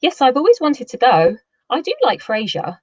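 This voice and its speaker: A woman's voice: high voice, very animated, normal speed, a little mellow, voice pushed up. Woman reading as a spry, teasing old gran. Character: chatty elderly grandmother, teasing and spry. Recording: muffled lo-fi sound.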